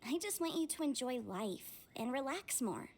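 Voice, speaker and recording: High-voiced, caring young sister. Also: female voice, animated, normal speed, a little mellow, a little hiss or hum. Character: caring, outspoken young sister, casual and protective. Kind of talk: scripted game voice acting.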